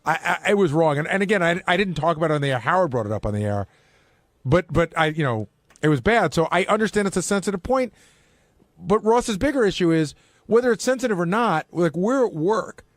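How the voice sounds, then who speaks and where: A radio show staff member on a casual panel tells stories conversationally, acting out the exchanges he quotes. His voice is high, animated and brisk, recorded with clean studio sound and no echo.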